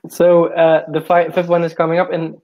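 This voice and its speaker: A man's voice: fairly high pitch, monotone, normal speed, darkish tone, no echo. A man leading an online team meeting, working through agenda items with short checks. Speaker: meeting facilitator. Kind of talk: casual meeting talk. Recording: dry, dull lo-fi call audio.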